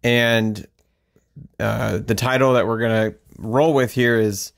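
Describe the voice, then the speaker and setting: A man's voice: medium pitch, fairly even intonation, slow pace, creaky. A man hosting a podcast in a casual, joking, chatty way. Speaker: podcast host. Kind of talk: casual chat.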